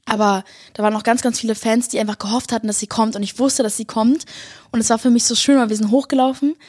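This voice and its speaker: A young woman tells her viewers a story in a rush of excitement, gushing and a little breathless, with English slang dropped into her German. Her voice sits on the high side. The recording is close and dry, with no room sound. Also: fast talker, no echo. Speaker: singer and vlogger.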